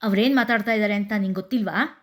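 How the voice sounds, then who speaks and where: A woman's voice: medium pitch, lively intonation, normal speed, close to an everyday voice. Woman playing a furious, scolding brother. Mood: angry. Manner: harsh, shouting, bitter. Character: furious man scolding his sister.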